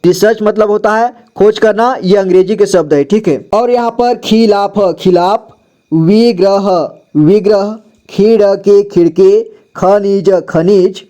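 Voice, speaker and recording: A man's voice: high voice, moderate pace, hardly any pauses, dark tone. A man teaching reading; he says each word twice and spells it out syllable by syllable, in a patient, explaining way. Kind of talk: slow reading lesson, word by word.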